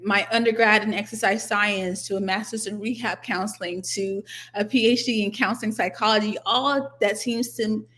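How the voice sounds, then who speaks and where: A woman's voice: mid-range voice, fairly even intonation, normal speed, a bit bright. A young woman in her twenties, originally from Nigeria and raised in the US, answering interview questions thoughtfully, with fillers and restarts. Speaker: guest, doctoral student.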